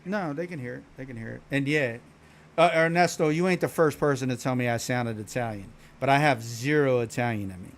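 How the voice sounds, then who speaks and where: In a mid-range voice at a slightly quick pace, a man from Philadelphia tells his stream viewers stories, cursing bluntly and restarting his sentences often as he rambles.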